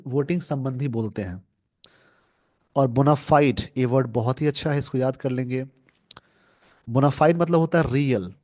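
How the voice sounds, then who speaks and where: Reading English sentences from a newspaper editorial slowly, a male teacher then explains them word by word for exam students and says what they should note and remember. His voice is medium in pitch and a little mellow.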